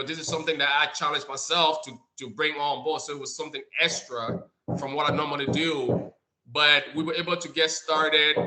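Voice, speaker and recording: Bright-toned man, halting and repetitive. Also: a little high. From Liberia. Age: adult. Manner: halting, often repeats words while searching. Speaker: nonprofit co-founder and director. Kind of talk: speaking on an online community call. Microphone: video call.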